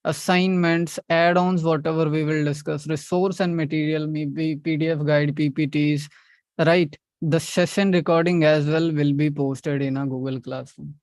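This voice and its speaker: A man's voice: fairly high pitch, flat delivery, normal speed, darkish tone, no echo. A man with a North Indian accent leading an interactive online class as trainer, repeating instructions and checking in with short questions.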